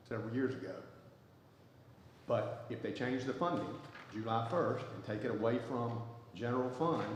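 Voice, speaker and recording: Blunt, halting man at council. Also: lowish voice. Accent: Southern US. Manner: blunt, defiant, halting with many fillers. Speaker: council member. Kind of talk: council debate remarks. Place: city council chamber. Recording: echoey council chamber, faint noise.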